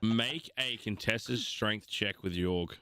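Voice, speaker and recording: Bright, crisp Australian game master. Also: male voice, on the low side, slow, no echo, clean studio sound. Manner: laughing, swears casually. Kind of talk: narrating a tabletop game.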